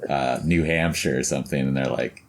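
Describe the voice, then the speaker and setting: A man from California co-hosting a podcast, chatting in a lively, joking way. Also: extremely low pitch, brisk, vocal fry. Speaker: podcast co-host. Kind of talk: casual chat.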